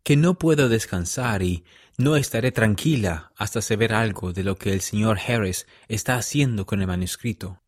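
A man's voice: lowish voice, moderate pace, no room sound, studio quality, lightly acted. Man reading a worried young wife. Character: worried young wife, weak after illness.

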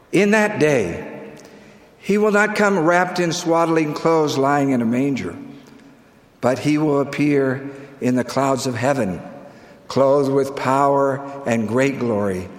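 A man preaches slowly and solemnly, letting his words rise and fall in broad sweeps. His voice sounds in a large hall with a long reverb. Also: medium pitch. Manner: slow, solemn, with sweeping rises and falls. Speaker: church leader. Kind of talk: sermon.

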